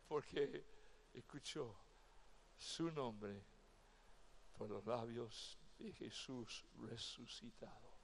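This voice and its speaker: Slow, gravelly-voiced male pastor. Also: medium pitch, slight background noise. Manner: emotional, with sharp swings from loud to hushed. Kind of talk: sermon. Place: convention event.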